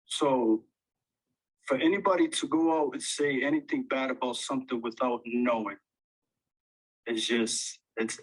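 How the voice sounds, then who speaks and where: A man talking into a phone, out of breath, halting with many fillers and restarts, earnest and eager. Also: mid-range voice, a bit bright, husky, poor audio. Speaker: audience speaker. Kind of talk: casual chat on an audio call.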